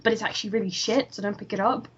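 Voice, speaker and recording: A woman co-hosting a casual chat podcast, talking in long sarcastic rants. Her voice sits at an ordinary middle pitch. The sound is dull and lo-fi, with a faint hiss underneath. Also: fairly even intonation, rapid-fire. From United Kingdom. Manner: sarcastic, ranting. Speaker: podcast co-host.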